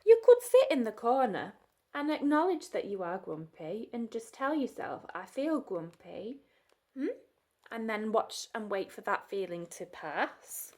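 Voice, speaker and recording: A woman, leading a gentle storytime lesson for young children, coaxing and asking them questions, sometimes dropping to a soft whisper. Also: fairly high pitch, sing-song, a little slow. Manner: sing-song, coaxing, asks children questions; drops to soft whispers at times.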